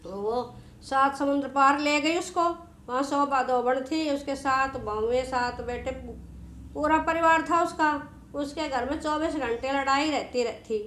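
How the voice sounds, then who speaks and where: A woman storyteller narrates a devotional folk tale in a homely, conversational manner, often repeating herself. Her voice is high-pitched. The room gives it a noticeable echo. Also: measured pace, fairly bright tone, slight background noise. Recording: echoey room.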